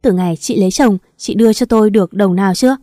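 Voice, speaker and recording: A nagging, sharp-tongued old mother-in-law, as a woman puts her on in a storybook reading, scolding loudly. Her voice is mellow and dry, close to the mic. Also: mid-range voice, fast, no echo, lightly acted. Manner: scolding, sarcastic, loud.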